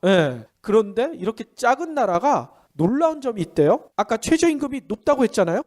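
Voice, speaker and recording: Nasal, stuffed-up male host, very animated pitch. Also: fairly quick. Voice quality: nasal, stuffed-up, pinched-nose sound. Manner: chatty explainer who asks and answers own questions. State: congested with a head cold. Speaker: economic news podcast host. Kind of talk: conversational news briefing.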